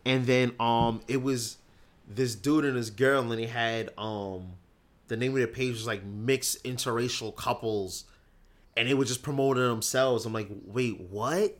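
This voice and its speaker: Man, podcast co-host, casual chat, slangy, ranting, mid pitch. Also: steady tone, normal speed.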